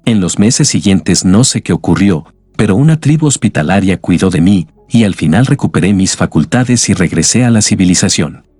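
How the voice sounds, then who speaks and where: A man voicing a weary, scarred man in an audiobook, speaking quietly and ruefully. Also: sits low, expressive, normal speed, hardly any pauses, slightly rough, no echo, faint music behind. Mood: calm.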